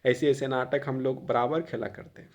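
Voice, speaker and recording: A male Hindi teacher who reads a textbook passage aloud and then explains it in casual spoken Hindi, often pausing on filler phrases and sometimes coughing. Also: mid-range voice, steady tone, a little mellow, dull audio. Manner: occasional coughs. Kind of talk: reading and explaining a textbook chapter.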